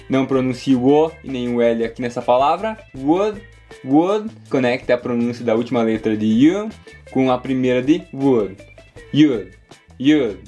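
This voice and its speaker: A man with a Brazilian Portuguese accent teaching English in a video lesson, explaining clearly and slowing down to model each word. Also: medium pitch, darkish tone. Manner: clear, slows down to model words.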